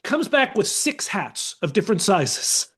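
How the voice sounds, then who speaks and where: A middle-aged man, a teacher, telling animated anecdotes as a podcast guest and acting out the people in them. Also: sits high, unhurried, breathy edge. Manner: animated, acts out voices in anecdotes. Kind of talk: casual storytelling.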